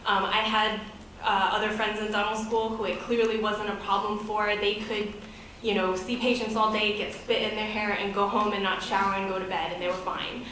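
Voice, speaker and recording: A woman's voice: medium pitch, little pitch movement, moderate pace, fairly bright tone, far from the mic, a little hiss or hum. A woman in her thirties from the United States, giving a candid, conversational personal talk as a guest presenter at a podium. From United States, grew up in Boston. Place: event hall, speaking at a podium. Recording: very echoey hall.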